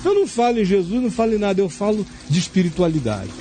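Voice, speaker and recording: A man's voice: sits high, very animated, quick pace, warm tone, faint music behind. A man, a pastor answering a viewer's question in an emphatic, preaching way, acting out little dialogues as he goes. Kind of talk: spoken sermon-like answer.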